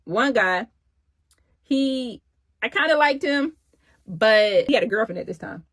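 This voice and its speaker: A middle-aged woman casually telling a personal story in an animated, chatty way. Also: on the high side, measured pace, dry recording. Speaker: vlogger.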